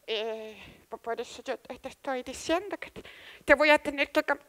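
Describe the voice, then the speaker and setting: A woman's voice: high voice, normal speed, a bit bright. An actress with a Chilean accent playing an elderly woman who dotes on her houseplants, stammering and chatting back to them on stage. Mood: rambling. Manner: endearments, stammering restarts, talks back to unseen plants. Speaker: stage actor. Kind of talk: theatre monologue. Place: theatre stage.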